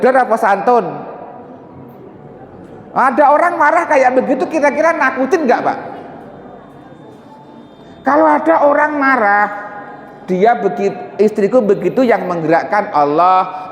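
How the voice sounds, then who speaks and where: A Javanese-accented male preacher with a high voice gives a casual mosque lesson, often turning to the listeners with questions. His voice rings out with a long echo in a big mosque hall. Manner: conversational, asks the audience questions, mixes Javanese and Arabic. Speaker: religious teacher. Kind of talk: mosque study sermon with Q&A. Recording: echoey hall with long reverb.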